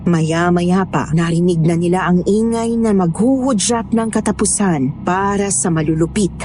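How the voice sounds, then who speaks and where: A woman narrating a scripted horror story in a measured, storytelling manner. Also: fairly low pitch, dark tone, slight background noise.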